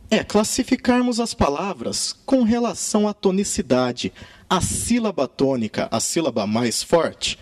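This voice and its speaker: Lively Brazilian grammar teacher. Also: male voice, sits high, dry recording, studio quality. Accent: Brazilian Portuguese. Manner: lively, emphatic teacher stretching key words. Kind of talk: video grammar lesson.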